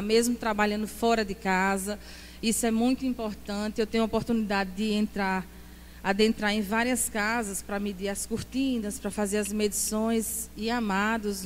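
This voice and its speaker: A woman's voice: medium pitch, big-room sound, a little hiss or hum. A middle-aged woman, giving a fervent church teaching to a women's class and tossing in praise interjections. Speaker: women's Bible class speaker. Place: church hall.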